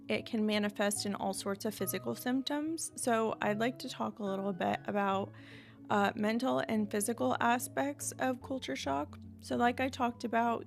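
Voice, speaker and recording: A young American woman with a highish voice and vocal fry speaks candidly and reflectively to her viewers in an unedited vlog, laughing lightly now and then.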